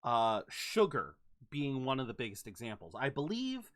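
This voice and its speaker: A man's voice: medium pitch, normal speed. A man casually commenting while streaming a video game, rambling and restarting his sentences. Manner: animated, rambling, frequent restarts.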